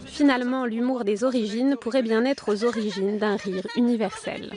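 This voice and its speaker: A woman narrates a documentary in a somewhat high, measured voice. Her delivery is polished and scripted. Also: music in the background.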